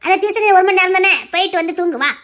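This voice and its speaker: A woman's voice: extremely high pitch, fairly even intonation, very fast, heavy background noise, pitched below the performer's own voice. A woman voicing a fussing village mother who coaxes and grumbles at her child in a comic skit. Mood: grumbling. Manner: coaxing then grumbling, talks in long runs.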